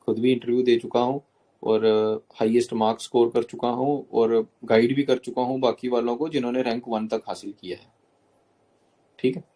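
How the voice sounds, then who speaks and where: A man coaches students through interview etiquette in a mid-pitched, everyday voice. He lays out each point step by step, slips English terms into Hindi and keeps checking that his listeners follow. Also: steady tone, moderate pace, dark tone. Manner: instructs step by step, often checks in with "okay?".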